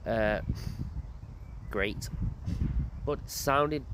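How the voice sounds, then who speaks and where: Outdoors in a graveyard, a medium-pitched man speaks very slowly while vlogging his walk as a paranormal investigator. His casual commentary wanders through musings and self-directed questions. A motorbike passes amid loud outdoor noise.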